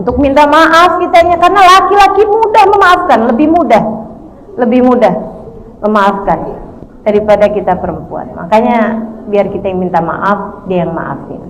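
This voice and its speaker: A woman in her forties from Indonesia, an Islamic preacher giving a sermon to women, telling stories in a lively way and acting out what a husband and a wife say. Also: fairly high pitch, poor audio. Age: 40s. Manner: lively storytelling, acts out voices of husband and wife.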